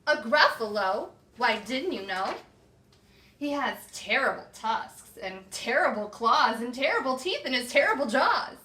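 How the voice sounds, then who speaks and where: A woman voicing a small, clever brown mouse in a storybook, polite and calmly mock-serious. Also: on the high side, a little slow, roomy sound, recorded from a distance.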